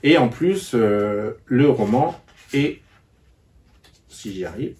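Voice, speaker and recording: A man's voice: mid-range voice, animated, slow, darkish tone. A man giving a casual book-review vlog, talking hesitantly with lots of fillers and restarts. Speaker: book vlogger.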